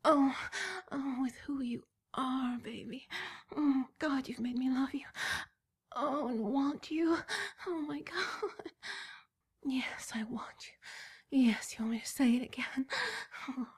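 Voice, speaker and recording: Breathy whispering woman, high voice. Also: slow, pauses often. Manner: breathy whispering broken by moans. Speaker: erotic audio performer. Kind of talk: whispered erotic roleplay.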